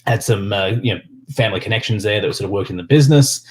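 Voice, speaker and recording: An Australian man, a sports business executive appearing as a podcast guest, chats casually and very fast in a lowish, darkish voice. He rambles, leaning heavily on fillers like "you know" and "sort of."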